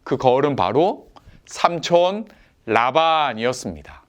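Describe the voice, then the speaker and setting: Lively, gentle man preaching to children. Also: medium pitch, measured pace. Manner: gentle, questioning, playful quiz-style teaching. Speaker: children's pastor. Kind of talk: children's sermon.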